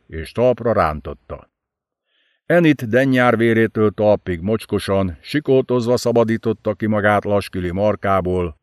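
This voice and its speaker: A man narrating an audiobook in an expressive, dramatic storytelling manner. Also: on the low side, no room sound, studio quality.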